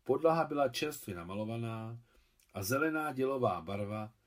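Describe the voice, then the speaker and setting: A man calmly reading his own translation of a novel aloud as an audiobook. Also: medium pitch.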